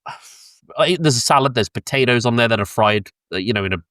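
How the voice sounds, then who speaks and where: This chatty British podcast co-host tells travel stories in a rambling way, swearing, laughing mid-sentence and saying um a lot. His mid-range voice is expressive, brisk and fairly bright. A close podcast mic captures it dry, with no room sound and studio quality.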